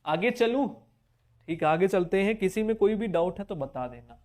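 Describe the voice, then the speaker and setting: A man's voice: high-pitched, expressive, darkish tone. Man spelling out words for a class. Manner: spells words letter by letter, repeats key points; coaxing students with quick check-back questions. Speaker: teacher. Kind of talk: exam prep spelling lesson.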